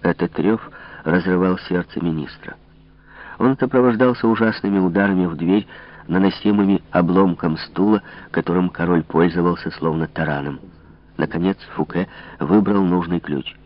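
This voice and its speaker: A man narrating an audiobook in a measured, dramatic reading. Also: deep voice. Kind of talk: scripted narration. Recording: dull lo-fi recording.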